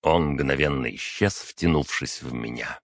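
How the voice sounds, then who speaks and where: Very deep-voiced male audiobook narrator. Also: dry recording, studio quality. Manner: measured, steady storytelling. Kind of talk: first-person fantasy audiobook narration.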